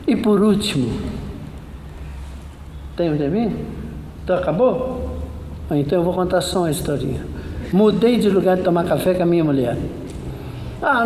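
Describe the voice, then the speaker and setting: A man's voice: sits high, echoey room, in a large hall, slight background noise, rough recording. A man with a Brazilian Portuguese accent, a pastor preaching a sermon and acting out stories with dialogue. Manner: animated storytelling, acting out dialogue.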